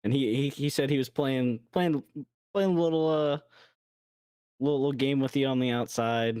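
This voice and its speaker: A man's voice: medium pitch, moderate pace, a little mellow, clear, resonant tone, no room sound. A man works as a race interviewer. He talks casually and jokes in a colloquial way, in a dry, close sound.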